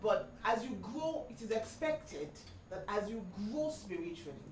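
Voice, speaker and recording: Casting: reflective woman host, mid-pitched voice, recorded from a distance in a roomy, noisy space. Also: big pitch swings, moderate pace. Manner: reflective, affirming, personal. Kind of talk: faith-based discussion. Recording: distant echoey room with background noise.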